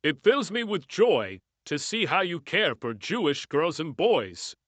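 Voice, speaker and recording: A woman voicing a kindly, grand old Santa Claus from a storybook, with slow, benevolent pronouncements. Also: low voice, sing-song, no room sound, voice pushed down, heavily acted. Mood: warm, approving. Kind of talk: storybook character voice.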